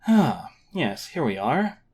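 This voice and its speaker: Man playing a mild, quietly pleased gentleman. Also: mid-range voice, very animated, takes it slowly, breathy edge, exaggerated voice.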